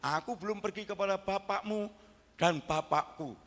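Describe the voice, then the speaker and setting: A male pastor voicing Jesus as a calm, firm man speaking to his followers, in an echoey church. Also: high voice, moderate pace. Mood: commanding.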